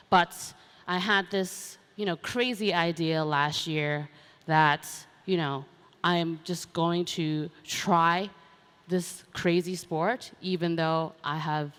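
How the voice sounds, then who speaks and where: A woman's voice: lowish voice, fairly bright tone, smooth. A young adult woman from Hong Kong speaking on a conference panel, talking casually with many fillers like um and you know. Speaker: panel speaker, racing driver. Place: large conference hall. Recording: long hall reverb.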